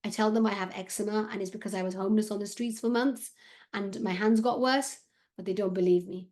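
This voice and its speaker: A woman reading aloud, voicing a worried sixteen-year-old Syrian boy who speaks halting English with a Syrian accent. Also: medium pitch, steady tone, darkish tone, close to an everyday voice. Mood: resigned. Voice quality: halting, slightly broken English.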